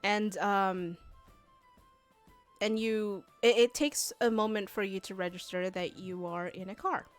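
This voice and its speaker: Casting: a woman game master, slow, halting narration, mid pitch. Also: steady tone, soft background music. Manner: slow, halting, many fillers.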